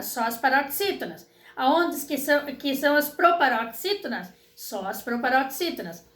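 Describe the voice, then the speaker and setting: With a high, fairly bright voice, a Brazilian Portuguese–accented teacher patiently explains exercises to her students and often checks that they're following. The sound is roomy.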